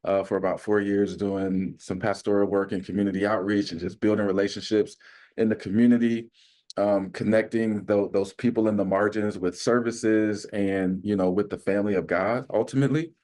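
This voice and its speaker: A man from Arizona, a community minister, tells stories enthusiastically in a casual podcast chat. His voice sits somewhat low, and he talks with eager, exclamatory energy. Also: fairly even intonation, moderate pace, darkish tone.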